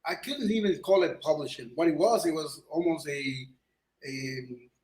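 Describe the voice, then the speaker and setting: At a moderate pace, a middle-aged Ecuadorian man with a slightly high, darkish voice chats as a guest illustrator. His casual interview talk rambles, stopping and restarting with lots of fillers, and the room echoes.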